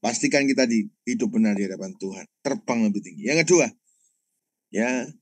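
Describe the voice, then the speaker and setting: A man's voice: fairly low pitch, lively intonation, brisk, no echo, low-quality recording. A man, a pastor telling a personal testimony in a sermon and often addressing the congregation directly.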